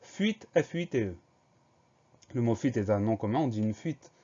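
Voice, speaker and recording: A man leads a dictation lesson for students and spells each word out slowly and deliberately. His voice is dark and mellow. The recording sounds somewhat dull and lo-fi. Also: medium pitch, animated, slightly rough. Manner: slow, careful letter-by-letter spelling. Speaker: teacher.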